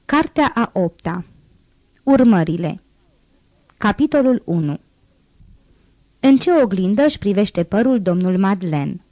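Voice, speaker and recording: A woman narrating a classic novel in an audiobook, reading in a measured, even way. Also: mid-range voice, dry recording, muffled recording. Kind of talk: scripted narration.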